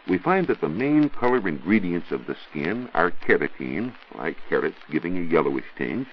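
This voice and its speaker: A deep, slightly rough male voice belongs to an American science reporter delivering a scripted 1940s educational radio talk. He explains things formally and didactically from a radio studio, and the old recording sounds muffled.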